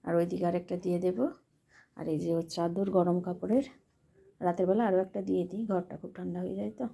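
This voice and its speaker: A woman with a gravelly, slightly husky voice chatting at home for her vlog. She talks easily and steadily, explaining things as she shows them, with a Bengali accent. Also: lowish voice, steady tone, fast, dark tone. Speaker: vlogger. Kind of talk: casual home vlog chat.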